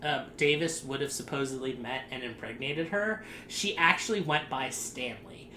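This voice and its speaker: This podcast host rambles sarcastically through a casual group show, laughing often. His mid-range voice is pushed and bright at normal speed, and the room is echoey with faint noise.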